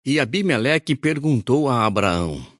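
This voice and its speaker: A man reading a Bible audio recording aloud in a measured, solemn narration. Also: mid-range voice, big pitch swings, fairly bright tone, no echo, studio quality.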